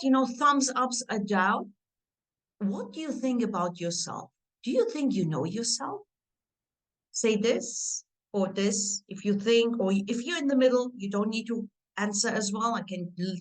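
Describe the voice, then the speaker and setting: A woman's voice: on the high side, poor audio. A middle-aged woman from Turkey who grew up in Germany, giving an encouraging online coaching workshop over a video call. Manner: warm, encouraging, interactive with audience. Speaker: career and family coach.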